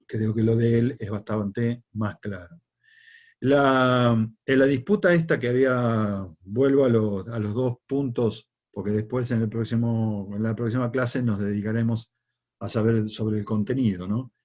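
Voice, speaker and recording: Speaking with an Argentine Spanish accent, this man delivers a history lecture in a relaxed, conversational way, often posing rhetorical questions. His mid-range voice is unhurried and a little mellow, though the recording is muffled.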